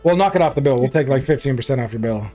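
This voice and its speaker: A man's voice: mid-range voice, lively intonation, rapid-fire, dark tone, soft background music, lightly acted. A man voicing a large female orc tavern keeper, folksy, chatty and hospitable, in a tabletop game. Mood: welcoming, chatty. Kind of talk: tabletop role-play character voice.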